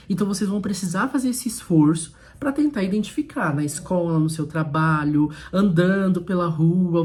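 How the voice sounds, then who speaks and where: A man's voice: high-pitched, a little mellow. Chatty Brazilian male English teacher. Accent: Brazilian Portuguese. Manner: chatty, informal, self-correcting, drills questions in English. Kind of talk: casual recorded online lesson.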